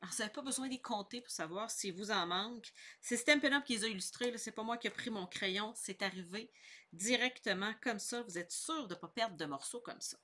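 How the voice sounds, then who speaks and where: A woman's voice: mid-range voice, brisk, bright, forceful tone. A middle-aged woman with a Québécois French accent, giving a chatty, upbeat scrapbooking tutorial and explaining each step. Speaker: scrapbooking instructor. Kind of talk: casual craft tutorial.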